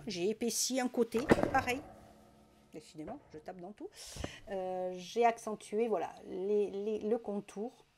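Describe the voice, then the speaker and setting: Female craft tutorial host, casual and chatty, hesitant with frequent fillers, close desk-mic sound. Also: on the high side. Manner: chatty, hesitant, many fillers and self-corrections. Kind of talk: casual step-by-step craft demonstration.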